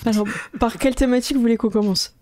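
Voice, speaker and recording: Woman gm explaining the scene, lots of euh and laughing, mellow warm voice. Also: a little high, fairly even intonation, fast, no room sound. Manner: laughs often, explains rules with many fillers. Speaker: game master. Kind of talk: casual tabletop game narration.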